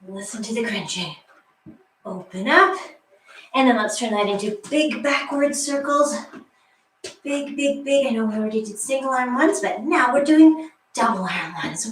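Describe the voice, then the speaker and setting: A woman's voice: a little high, slight background noise. A woman leading a live workout from a basement, her voice echoing in the room. She is chatty, calling out moves between asides. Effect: echoey room sound. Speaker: fitness instructor. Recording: echoey basement room, voice far from mic.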